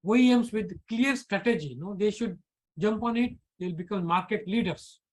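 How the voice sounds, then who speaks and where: A man with an Indian English accent giving an online lecture, halting and repeating words with frequent fillers. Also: sits high, rough recording. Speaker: professor presenting a workshop lecture. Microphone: computer mic on a video call.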